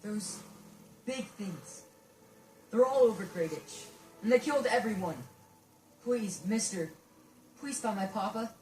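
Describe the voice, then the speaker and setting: A woman's voice: mid-range voice, animated, measured pace, pauses often, mellow, lightly acted. A woman voicing a frightened young boy who pleads for help in a video game, heard as roomy, distant game audio with faint hiss. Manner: pleading, panicky.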